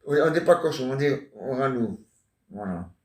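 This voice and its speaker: A man's voice: medium pitch, expressive, moderate pace, darkish tone, far from the mic. A man in his forties rambling and joking in casual chat, teasing banter. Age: 40s. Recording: echoey room.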